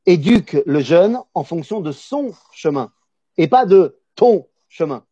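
High-voiced man teaching with a Polish accent. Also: a little mellow, no room sound. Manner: emphatic, repeats key words, asks and answers his own questions. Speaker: Torah teacher. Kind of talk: religious lesson. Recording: dull, dry lo-fi recording.

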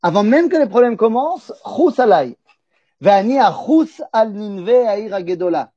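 A man with a fairly high but dark, husky voice gives a lively Torah lesson. He unpacks Hebrew words and puts questions to his listeners before answering them. The recording is dry and a little dull. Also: unhurried, no room sound. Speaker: Torah teacher.

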